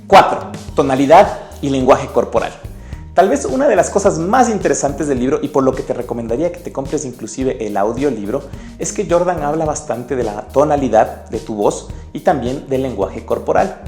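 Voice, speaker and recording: A man's voice: mid-range voice, lively intonation, moderate pace, a little mellow. A man presenting a sales book summary in an upbeat, emotive way, speaking straight to the viewer. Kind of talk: animated sales lesson. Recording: echoey room with faint music.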